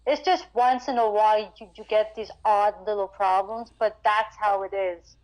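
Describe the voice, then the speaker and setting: A woman guest singer-guitarist talks casually in an interview about her experiences on stage, chatty and often restarting sentences and stammering. Her mid-range voice is steady at normal speed, in a rough recording.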